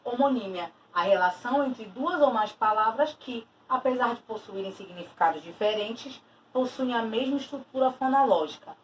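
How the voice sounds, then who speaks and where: A woman's voice: fairly high pitch, lively intonation, normal speed, hardly any pauses. A woman teacher giving a recorded lesson, explaining patiently and stressing key terms as she repeats them. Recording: distant mic with faint noise.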